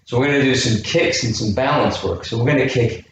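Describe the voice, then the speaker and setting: A man's voice: mid-range voice, fairly quick. A man leading a home workout class for kids, counting reps aloud and asking encouraging questions. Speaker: youth fitness coach. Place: indoor room with a chair. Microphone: camera microphone from a distance. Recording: very echoey room, distant mic, faint noise.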